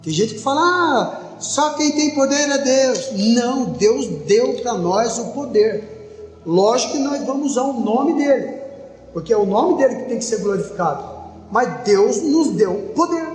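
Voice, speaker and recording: A man's voice: extremely high pitch, animated, moderate pace, darkish tone. A man giving a fervent religious testimony on the radio, telling stories with quoted dialogue. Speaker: lay preacher giving testimony. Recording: echoey hall with faint music.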